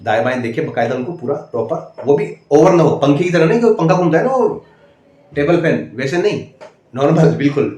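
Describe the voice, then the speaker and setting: A man giving casual, instructive advice to interview candidates, often tagging his sentences with a quick "है ना". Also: fairly high pitch, expressive, a little mellow. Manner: repeats "है ना" as a tag, direct and instructive. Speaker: interview coach. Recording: echoey room, faint ambient noise.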